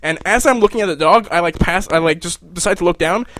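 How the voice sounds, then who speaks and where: A young man casually telling a personal anecdote in an animated, rambling, self-mocking way. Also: sits high, fast. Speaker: storyteller.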